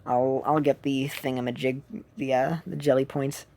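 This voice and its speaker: A woman's voice: a bass voice, flat delivery, normal speed, warm tone. A woman streamer chatting casually while she plays a game, rambling and often correcting herself. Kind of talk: casual chat while gaming.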